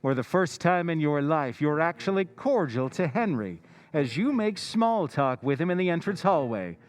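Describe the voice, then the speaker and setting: An actor playing the Whistler, a knowing radio-drama narrator who speaks straight to the listener's character in a slow, insinuating way. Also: male voice, fairly high pitch, very animated, no room sound. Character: male Whistler narrator, ominous, knowing, taunting.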